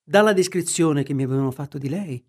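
A man voicing a composed, courteous middle-aged lawyer in a measured tone. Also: fairly high pitch, breathy edge. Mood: calm.

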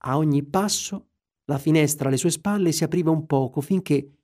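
A man narrating a classic story in a measured, expressive way. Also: fairly high pitch.

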